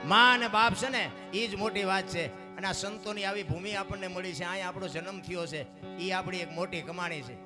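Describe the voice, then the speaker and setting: High-voiced storyteller. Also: male voice, moderate pace. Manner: animated, swings between loud cries and hushed asides. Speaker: folk storyteller. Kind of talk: dayro folk storytelling and moral talk. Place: stage program. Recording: live stage with music behind. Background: music.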